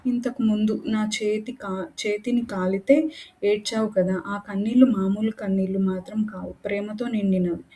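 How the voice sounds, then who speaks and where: Storybook lover: quiet, teasing young man, mellow voice, woman reader doing him. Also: medium pitch, fairly even intonation, normal speed, lightly acted. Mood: soft teasing.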